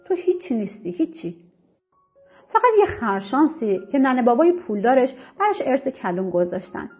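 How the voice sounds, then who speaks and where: Emotive female storyteller with a breathy, higher voice, for a first-person drama read over quiet music. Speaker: narrator. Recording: slightly muffled with soft music.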